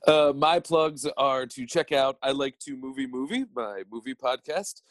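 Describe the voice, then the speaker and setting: A man's voice: medium pitch, moderate pace, no room sound. A man co-hosting a podcast, talking earnestly in casual chat, often restarting his sentences. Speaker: podcast co-host.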